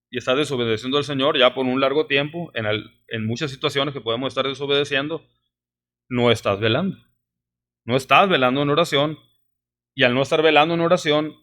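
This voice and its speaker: A man preaching a sermon, emphatic, his voice rising sharply on key words and dropping low on asides, often adding "¿verdad?" and "hermanos". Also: fairly bright tone. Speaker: pastor. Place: church sanctuary.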